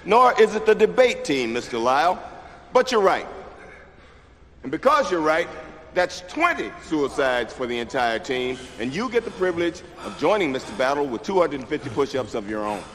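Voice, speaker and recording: An American actor playing a stern, commanding middle-aged high school basketball coach in a film drama. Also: male voice, big pitch swings, moderate pace, fairly bright tone. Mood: stern, cutting. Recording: echoey gym hall, film clip with noise.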